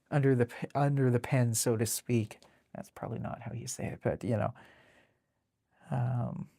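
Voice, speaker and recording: Hosting a casual live drawing stream, a woman with a deep, low contralto rambles easily and conversationally, often cutting herself off mid-thought. Her voice is mellow with vocal fry, and the recording is dry with very little room echo.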